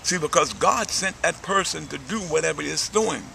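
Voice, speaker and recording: Man, street preacher, fervent and insistent, very creaky gravelly voice, repetitive halting phrasing, clear vehicle noise behind. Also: fairly high pitch, animated, bright, forceful tone. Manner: halting, stammering repetition of words. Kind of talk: personal testimony and informal preaching. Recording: noisy outdoor ambience with vehicles.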